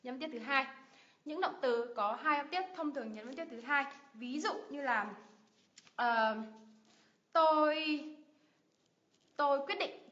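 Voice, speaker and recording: A woman's voice: high voice, fairly bright tone. A Vietnamese woman teaching English pronunciation on a livestream, drilling words with strong stress and asking viewers questions. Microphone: livestream mic. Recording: dull lo-fi livestream audio.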